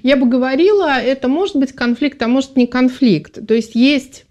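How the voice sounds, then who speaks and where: A woman's voice: high voice, normal speed, darkish tone. A woman speaking as an expert guest on a live radio talk show in a studio, thoughtful and hesitant with many filler sounds.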